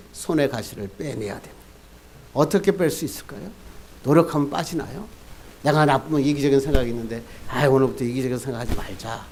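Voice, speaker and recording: A man's voice: mid-range voice, darkish tone. A male pastor preaching a sermon, asking the congregation questions and answering them himself, building to emphatic peaks. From Korea.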